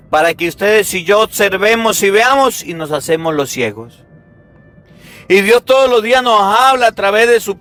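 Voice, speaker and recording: A man with a high voice preaching a Sunday sermon, lively and emphatic, throwing rhetorical questions at his listeners. Faint music plays behind him. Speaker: priest.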